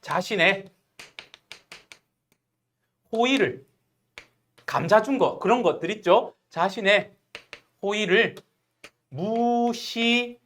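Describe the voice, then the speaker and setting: A woman's voice: medium pitch, takes it slowly, long pauses. A woman teaching literature in an online exam-prep lecture, explaining animatedly and asking questions. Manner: animated, explaining with acted quotes.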